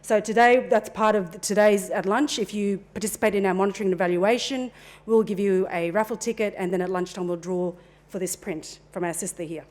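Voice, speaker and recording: Using a handheld mic in a meeting room, a middle-aged woman delivers a forum talk at a fairly quick pace. Her pitch sits in the middle, and her easygoing, chatty style is full of asides and fillers.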